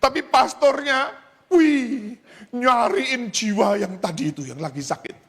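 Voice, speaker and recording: A male pastor with an Indonesian accent preaching a sermon in a church, telling stories, often calling out to the congregation, and jumping from loud high cries to low quiet asides. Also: big pitch swings, normal speed, slightly rough. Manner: storytelling with repeated address to the congregation.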